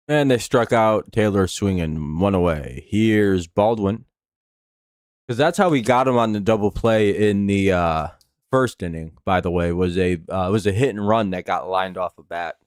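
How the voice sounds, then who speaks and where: A man's voice: deep voice, dry recording, studio quality. An American man with a slight lisp and whistling s from false teeth, giving casual, rambling, sweary play-by-play on a live sports stream. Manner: rambling, profane, laid-back fan talk. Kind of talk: casual play-by-play commentary and chat.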